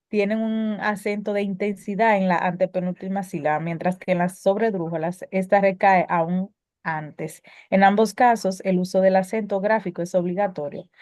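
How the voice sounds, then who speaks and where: A woman's voice: medium pitch, mellow, no room sound, studio quality. A woman teaching a spelling lesson, reading prepared explanations with occasional filler sounds and self-corrections.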